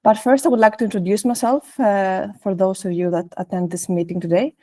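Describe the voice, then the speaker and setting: A woman presents a technical talk, often restarting her sentences and pausing on fillers. Her pitch sits in the middle range, and the sound is dry and close. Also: steady tone, warm tone, dry recording. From Greece. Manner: hesitant, many restarts and fillers. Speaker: presenter, senior data scientist.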